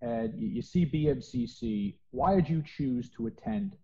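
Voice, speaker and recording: A man hosting a college sports interview over a video call, asking questions in an upbeat, animated way. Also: medium pitch, unhurried. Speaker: sports information director, interview host. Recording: dull lo-fi video call audio with faint noise.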